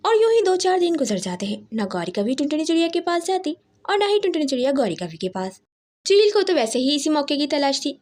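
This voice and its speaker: A woman narrating a children's cartoon moral story in an expressive, sing-song manner. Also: sits high, brisk.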